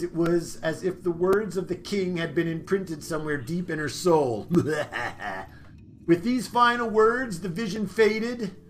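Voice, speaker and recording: A man's voice: sits high, slight background noise. A man narrating a fantasy game, reading the story text aloud in a plain manner with small slips. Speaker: let's-play narrator.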